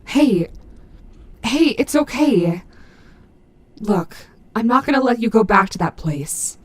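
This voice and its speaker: A woman voicing a gruff but maternal animatronic wolf in an audio roleplay, fiercely protective, with halting, earnest, emphatic delivery. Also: fairly high pitch, lively intonation. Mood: protective, tender. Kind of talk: dramatic audio roleplay addressed to the listener.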